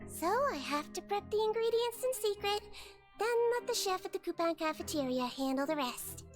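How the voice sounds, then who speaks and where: A woman voicing a small, gentle, matter-of-fact female nurse creature with a childlike voice in a video game. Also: extremely high pitch, animated, normal speed, faint music behind. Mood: earnest. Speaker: doctor.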